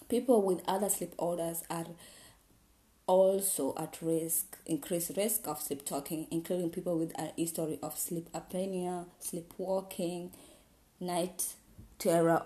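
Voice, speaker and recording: Mellow, halting woman in an echoey room. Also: lowish voice. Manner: halting, often stumbling over and repeating words. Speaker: presenter. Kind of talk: informal explainer, partly read from a script, partly personal musing. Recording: echoey, roomy sound.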